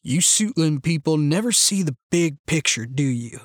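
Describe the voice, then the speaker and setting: A man voicing a young male militia leader who talks in a calm, sardonic, unhurried way. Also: on the high side, no echo, clean studio sound. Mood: cool menace.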